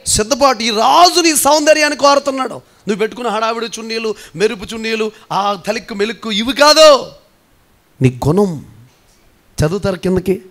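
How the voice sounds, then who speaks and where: A man preaching a sermon as pastor, animated and teasing, calling on the congregation to answer back. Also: very high-pitched, fairly quick.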